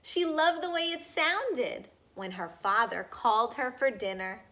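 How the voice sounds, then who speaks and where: A woman with a slightly high voice reads a picture book aloud to children with lots of animation, pausing now and then to ask her young listeners simple questions.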